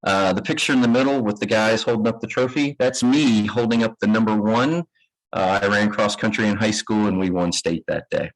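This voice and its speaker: A man from Kentucky with a Kentucky accent giving a presentation to an audience, relaxed and self-deprecating. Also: fairly low pitch, a little fast, rough recording. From Kentucky, United States. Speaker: guest presenter. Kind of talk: conference presentation. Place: lecture room with live audience.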